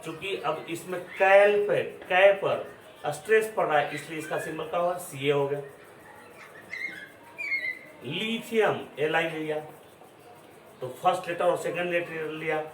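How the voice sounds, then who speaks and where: A man giving a classroom lecture, explaining slowly and repeating his words. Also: fairly high pitch. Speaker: teacher. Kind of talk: classroom lecture mixing Hindi and English. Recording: echoey room, voice from a distance, faint background noise.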